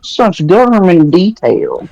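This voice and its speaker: A man's voice: high-pitched, sing-song, takes it slowly, creaky, a little mellow, dull audio. A man co-hosting a podcast in casual chat, teasing and cracking edgy jokes. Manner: teasing, joking, edgy humor. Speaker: podcast co-host.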